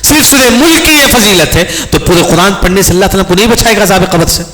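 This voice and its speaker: A man's voice: high-pitched, expressive, a bit bright. A man preaching a sermon in a mosque. He asks his own questions, answers them himself and keeps repeating reminders to remember. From India. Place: large mosque hall. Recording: echoey mosque hall, long reverb.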